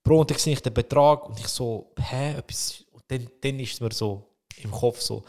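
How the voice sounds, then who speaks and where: Animated Swiss German man telling a story. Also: mid-range voice, normal speed. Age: 30s. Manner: animated, swings loud when reenacting arguments. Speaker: podcast co-host. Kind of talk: casual comedic storytelling.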